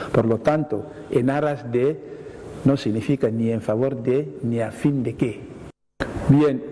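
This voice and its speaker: A man, a language academic on TV who explains word meanings at a measured pace, often repeating himself and giving examples. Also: medium pitch, mellow. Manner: measured, repeats himself, reads definitions then gives examples. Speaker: language academic answering viewer questions. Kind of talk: explanatory TV segment. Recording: reverberant studio with faint hiss.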